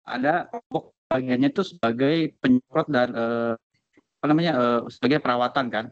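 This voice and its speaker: A man's voice: mid-range voice, a little fast, dry recording. A man asking his tutor questions in an online class, hesitant and repeating himself, his voice choppy and breaking up over the call. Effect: choppy, breaking-up audio. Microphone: video call. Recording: dull, dry online call audio.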